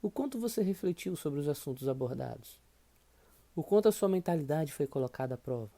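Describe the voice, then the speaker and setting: Man, course instructor, mellow low-toned voice, emphatic motivational delivery. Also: lively intonation, brisk. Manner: emphatic, urging listeners to repeat affirmations aloud. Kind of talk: motivational lesson.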